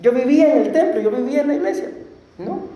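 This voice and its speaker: A Costa Rican man preaching as a pastor, telling his own testimony in a conversational way, often clearing his throat and asking the congregation questions. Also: very high voice, expressive, fast talker, mellow. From Costa Rica. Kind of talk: sermon with personal testimony. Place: church sanctuary. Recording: echoey church room.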